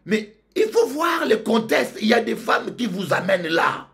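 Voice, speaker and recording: A male pastor from Congo, preaching a sermon that swings from loud outbursts to low murmurs. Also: sing-song, normal speed, vocal fry.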